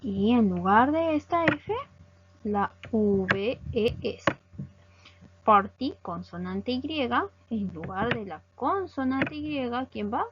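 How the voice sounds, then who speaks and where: A woman's voice: a little high, lively intonation, slow, noisy background. A woman teaching English grammar over slides, explaining patiently step by step and often checking understanding. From Peru. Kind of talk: recorded slide lesson. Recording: dull lo-fi audio.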